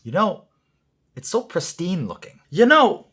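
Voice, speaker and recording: A man's voice: high voice, wildly swooping pitch, unhurried, fairly bright tone, slightly rough. A man presenting an airsoft product review in a chatty, jokey way, talking straight to his viewers.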